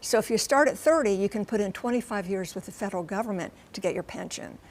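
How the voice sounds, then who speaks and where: An American woman, a TV transportation correspondent and pilot, delivers a conversational live news report. Her mid-range voice moves fast with lively intonation as she explains things emphatically in short, clipped phrases.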